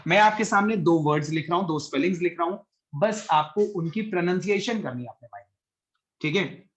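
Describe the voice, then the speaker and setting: A man's voice: fairly high pitch, a little fast. A man teaching a chemistry class online, patiently explaining and calling on students by name, mixing Hindi with English.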